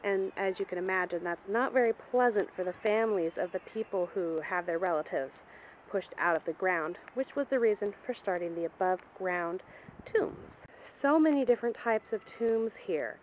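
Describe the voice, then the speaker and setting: A woman gives a walking-tour commentary outdoors, pointing things out as she strolls through a cemetery. Her voice sits at an ordinary pitch, picked up by a handheld camera mic. A faint outdoor ambience hums underneath. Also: normal speed, slight background noise, rough recording. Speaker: travel vlogger. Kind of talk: on-location guided tour narration.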